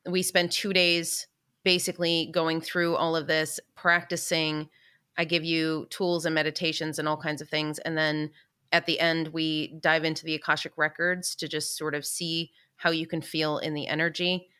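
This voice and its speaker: A woman's voice: deep voice, flat delivery, moderate pace, sharp tone, smooth. A woman guest, a spiritual teacher, explaining her workshop in a conversational way.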